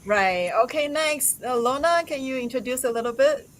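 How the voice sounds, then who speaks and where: Lady hosting a live chat, highish voice, lots of little laughs and ums. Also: expressive, normal speed, low-quality recording. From Taiwan. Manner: laughs often, hesitant with many fillers. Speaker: host. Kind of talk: casual live-stream chat.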